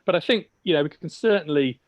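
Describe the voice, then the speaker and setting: A man's voice: on the high side, lively intonation, fast talker, no room sound, muffled recording. A man hosting a casual hobby podcast over a remote call, with dry, teasing humour. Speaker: podcast host. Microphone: remote call mic.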